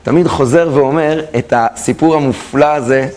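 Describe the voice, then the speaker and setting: Man, rabbi giving a lively class, Israeli accent, fairly high voice, questions to the room. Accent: Israeli Hebrew. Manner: animated, asks questions to the class and acts out story voices. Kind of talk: lively Torah lesson with storytelling.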